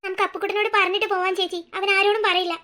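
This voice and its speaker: Woman voicing a cartoon little sister, very high, bright, quick, pleading. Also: level tone. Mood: worried. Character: chirpy little girl, younger sister. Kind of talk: cartoon voice acting.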